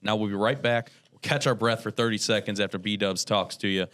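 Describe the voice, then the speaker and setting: A man hosting a local sports show, brisk and upbeat as he runs through the game schedule. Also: lowish voice, fairly even intonation, fairly bright tone.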